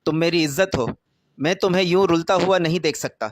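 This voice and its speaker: Earnest devoted young husband, firm, high-pitched voice, dry sound, played by a male narrator. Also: no room sound, close to an everyday voice.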